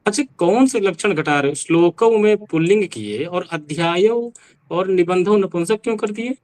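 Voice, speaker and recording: Man, language teacher, online class, probing questions, dry teasing, slightly raised pitch. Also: moderate pace, darkish tone, low-quality recording. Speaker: Sanskrit teacher.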